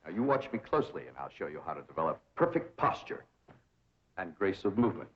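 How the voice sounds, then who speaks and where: A man's voice: deep voice, big pitch swings, fast, slight background noise. An actor playing a pompous young man who fancies himself a cultured drama teacher, speaking in grand, theatrical tones. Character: pompous young man tutoring a country girl. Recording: dull 1960s TV soundtrack.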